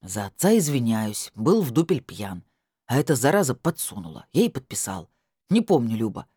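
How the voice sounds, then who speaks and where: A sheepish, evasive man, as a woman reader puts him on mumbles slow, lowered excuses in an audiobook scene. The delivery stays close and dry with a lively sway in pitch. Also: slightly rough, dry recording. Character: sheepish evasive man, ex-partner caught drinking.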